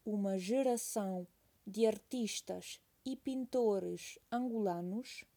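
Woman teacher, dictation pace, each phrase said twice with punctuation spoken; unhurried, warm tone. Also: medium pitch. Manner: repeats each phrase slowly, calling out punctuation. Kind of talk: slow dictation with punctuation read aloud.

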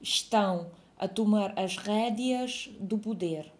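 A woman's voice: medium pitch, takes it slowly, a little mellow. A woman reading a dictation, saying each phrase twice and calling out the punctuation. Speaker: dictation teacher.

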